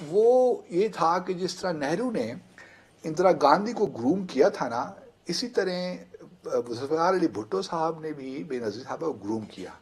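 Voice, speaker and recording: Husky-voiced male studio analyst. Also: on the high side, animated. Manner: measured, explaining at length with hesitant fillers. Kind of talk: talk show political discussion.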